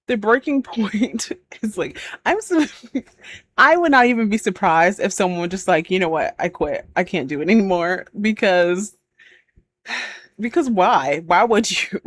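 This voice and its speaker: A woman's voice: a little high, dry recording. A woman hosting a reaction video, chatting casually, exclaiming and laughing often as she reacts.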